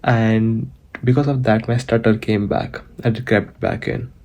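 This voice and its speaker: A young Indian vlogger, out walking, talks to the camera in a lowish, level, darkish voice that runs a little slow. He's casual and conversational, repeatedly restarting and leaning on fillers.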